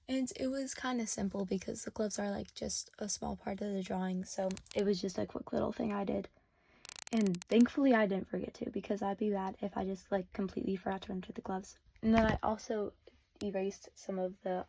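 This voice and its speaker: Teen girl, casual voice-over, mellow tone, halting and filler-heavy, no real mic. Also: medium pitch, slight background noise. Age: teens. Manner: hesitant, many fillers like "like" and "um". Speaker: vlogger. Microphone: no external mic.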